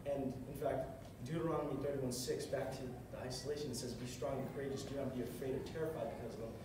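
A young man preaches earnestly and fast in a steady, mid-range voice, leaning on repeated phrases in his short sermon. He stands at a music stand on the stage of a big carpeted hall. Taped from way back by a camera across the room, the audio is echoey and hissy.

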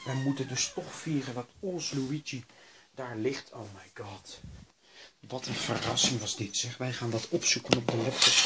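Jumpy swearing man, noisy recording. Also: mid-range voice. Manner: jumpy, swears a lot, talks himself calm. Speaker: gamer doing a role-play. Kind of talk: excited role-play commentary.

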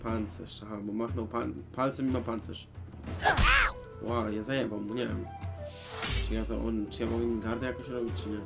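A man's voice: mid-range voice, flat delivery, moderate pace, gravelly, long pauses. A young Polish man giving casual, sweary commentary while he plays a video game. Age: young adult. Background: game music.

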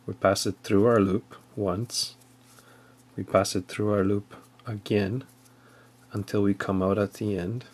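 A man's voice: on the low side, darkish tone, husky. A man giving a casual how-to demonstration as an outdoor skills instructor, explaining plainly step by step with some fillers.

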